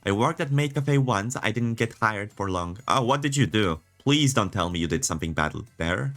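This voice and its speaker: A man's voice: on the low side, expressive, normal speed, fairly bright tone. A man doing a casual game playthrough, rambling and repeating himself as he reads dialogue aloud in an amateurish, hammy way and comments on it. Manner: rambling, self-interrupting, repeats words. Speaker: gamer reading a visual novel aloud. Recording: music behind the voice.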